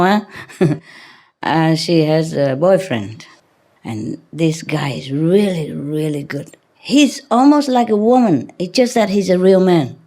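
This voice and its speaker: A woman with a low, dark-toned voice, a spiritual teacher, chats casually with a group. She rambles through anecdotes and banters with the audience, teasing and often chuckling.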